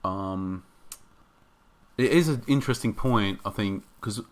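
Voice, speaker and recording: A man giving casual game commentary, thinking aloud and rambling with hesitations, his voice getting hoarse. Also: fairly low pitch, measured pace.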